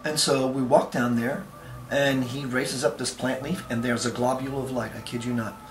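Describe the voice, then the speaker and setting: A man's voice: mid-range voice, flat delivery, normal speed, roomy sound, soft background music. A man earnestly telling a first-person story, with emphatic conviction.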